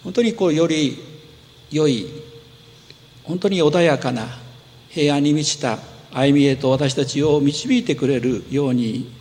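A man preaching a sermon as pastor, explaining earnestly and gently with rising emphasis, in a church sanctuary. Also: fairly high pitch, a little slow. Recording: long hall reverb.

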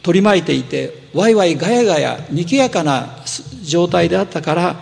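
Male pastor, slightly high gravelly voice, earnest patient sermon delivery, church with long echo. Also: animated, moderate pace. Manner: earnest, gently explanatory, with rising emphasis. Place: church sanctuary. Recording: long hall reverb.

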